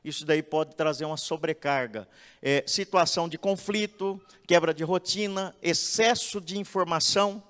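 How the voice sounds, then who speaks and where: A man's voice: a little high, normal speed, smooth. A man, preaching animatedly in a church and often asking "entende?". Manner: animated, acts out quotes, asks "entende?". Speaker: pastor giving a talk. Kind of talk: expressive sermon-style lecture. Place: church hall. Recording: echoey church hall.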